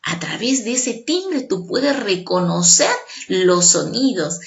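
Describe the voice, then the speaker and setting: A woman teacher with a gravelly, creaky voice at a mid pitch, explaining a lesson to young students. She is expressive and keeps checking that the class is following. Her tone stays even and familiar throughout. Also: slow pace, dull audio.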